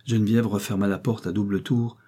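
Man with a dark, husky reading voice. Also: lowish voice, steady tone, brisk. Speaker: audiobook reader. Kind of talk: scripted narration.

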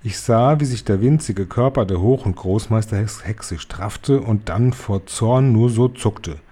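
A man reading a children's book aloud in a calm, even storytelling manner. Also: lowish voice, unhurried, breathy edge. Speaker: reader.

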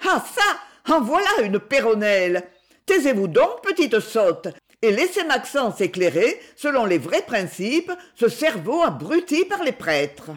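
A spiteful, mocking young woman, put on by a woman reading an audiobook, talks in a high, shrill voice. Her lines jump about full of sneers. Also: big pitch swings, unhurried. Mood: scornful.

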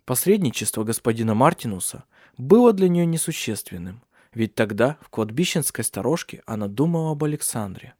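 An audiobook reader narrates a scripted text in a measured, even storytelling manner. His voice is medium-pitched, and the studio recording is clean with no echo.

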